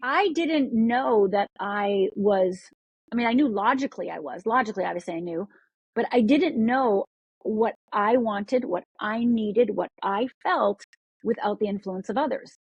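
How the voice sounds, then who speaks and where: A woman from Upper Michigan, USA, appears as a podcast guest in an interview, speaking unhurriedly in a husky, mid-range voice. She's energetic and often repeats words as she restarts sentences. The audio is dull, with no room sound.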